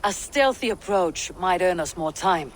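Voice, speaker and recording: An actress playing a level-headed, resolute Viking war leader in a video game, terse and commanding. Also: female voice, on the low side, lively intonation, measured pace. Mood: calm, resolute. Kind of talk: dramatic video game acting.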